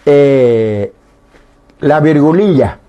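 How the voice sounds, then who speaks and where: On the radio, a man teaches a Guarani language lesson through a studio microphone, explaining slowly and patiently and sounding out each vowel aloud. His mid-range voice is expressive and dark yet clean in tone, though the audio is dull.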